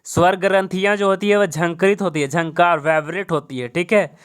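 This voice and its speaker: A man's voice: high-pitched, fairly even intonation, normal speed, clean tone. A man teaching an exam-prep grammar lesson, who repeats each point, asks questions and answers them himself, and keeps saying "okay" as a check-in.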